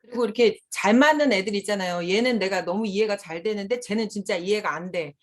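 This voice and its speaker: A woman's voice: mid-range voice, fast talker. A middle-aged woman speaking candidly at a seminar as a mother and school principal, often laughing while she talks. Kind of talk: conversational seminar talk.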